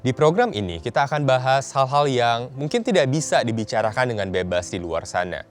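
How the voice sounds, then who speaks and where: A man giving a scripted program introduction in an earnest, measured way. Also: mid-range voice, sing-song, faint music behind. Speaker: program narrator. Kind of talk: scripted narration.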